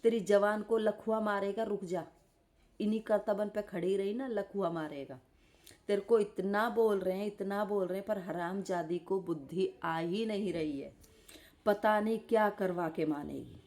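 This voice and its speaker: Woman live streamer, lies in bed and hurls scolding insults in a roast rant; dark, even tone. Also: medium pitch, measured pace. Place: lying in bed.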